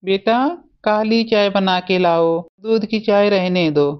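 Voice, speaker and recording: A woman voicing a kindly older father-in-law in a cartoon family story, calm and plain-spoken. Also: medium pitch, slow, clear, resonant tone, muffled recording, lightly acted.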